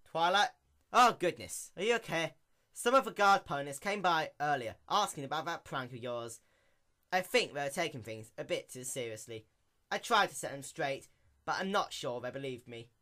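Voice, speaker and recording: A man's voice: mid-range voice, expressive, normal speed, bright, forceful tone. A man voicing a friendly, concerned female farm pony in a theatrical storybook reading. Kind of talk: dramatic reading of fan fiction.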